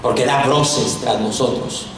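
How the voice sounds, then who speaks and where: A male preacher voicing grumbling, annoyed male disciples in a low, exasperated tone, recorded from far off in an echoey church. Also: fairly even intonation, a little slow, a little hiss or hum, lightly acted. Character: annoyed grumbling male disciples wanting her sent away.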